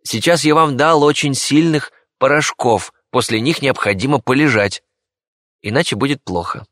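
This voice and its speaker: A man's voice: medium pitch, normal speed, fairly bright tone, dry recording, clean studio sound, voice pushed up, lightly acted. A man voicing a fussy, talkative rabbit-faced village doctor in an audiobook, speaking in a chatty, slightly ingratiating way. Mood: fussing. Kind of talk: audiobook character voice.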